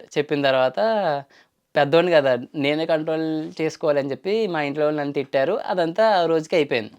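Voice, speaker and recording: A young man casually telling a personal story from his childhood, rambling along with frequent restarts and fillers. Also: sits high. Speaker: YouTuber.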